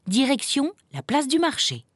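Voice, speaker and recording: A woman narrating a children's Christmas story aloud in an expressive, lively storybook reading. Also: sits high, moderate pace, no echo. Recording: dry close recording.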